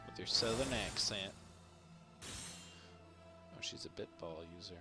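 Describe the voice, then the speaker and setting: A man's voice: deep voice, lively intonation, takes it slowly, music in the background. A man giving casual, wry running commentary while streaming a video game, reacting aloud to each result.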